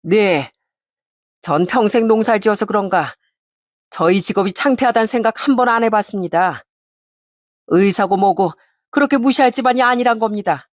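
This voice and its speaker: A woman voicing the groom's mother, a dignified farming woman who answers in firm, measured retorts. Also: mid-range voice, no room sound, studio quality, close to an everyday voice.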